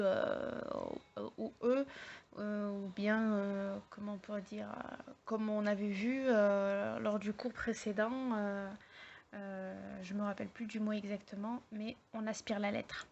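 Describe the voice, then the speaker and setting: A woman teaching an online language lesson, explaining slowly step by step with many hesitations and fillers. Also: medium pitch, little pitch movement, darkish tone, highs cut off. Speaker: Arabic teacher.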